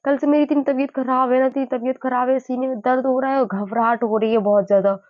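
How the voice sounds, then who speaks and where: Weary young woman in her early 20s vlogging, halting, lots of fillers, muffled lo-fi audio. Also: sits high, steady tone, dry recording. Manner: halting, repeats herself, many fillers. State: weary and low. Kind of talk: emotional personal vlog. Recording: dull lo-fi dry sound.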